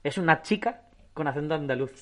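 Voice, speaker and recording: A man's voice: fairly high pitch, lively intonation, fairly quick. A man co-hosting a podcast in casual chat, rambling and stammering through slangy jokes. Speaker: podcast co-host.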